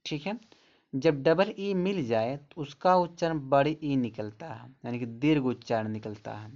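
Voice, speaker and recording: A man teaching English pronunciation in a spoken lesson, explaining slowly and repeating each word and its meaning. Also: mid-range voice, a little mellow. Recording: dull lo-fi audio.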